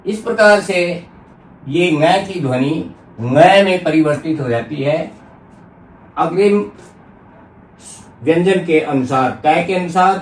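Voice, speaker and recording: A man teaching a Hindi grammar lesson, speaking deliberately and repeating example words to show how they are pronounced. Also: a little high. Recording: echoey room, distant mic, faint noise.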